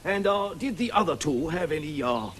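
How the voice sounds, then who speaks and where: A man's voice: fairly high pitch, animated, normal speed, slight background noise, natural voice. Man playing a pompous police sergeant. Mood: officious. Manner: pompous, officious.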